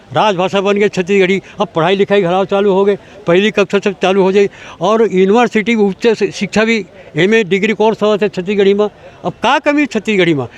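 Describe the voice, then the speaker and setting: An older man with a Chhattisgarhi accent, answering an interview in an emphatic, lecturing way, asking rhetorical questions as he argues. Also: high-pitched. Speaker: language activist.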